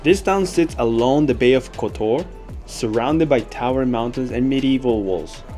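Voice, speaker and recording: A man's voice: medium pitch, expressive, normal speed, dark tone. A young man narrating his sailing trip for a travel vlog in an easygoing, upbeat way. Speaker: travel vlogger. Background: background music.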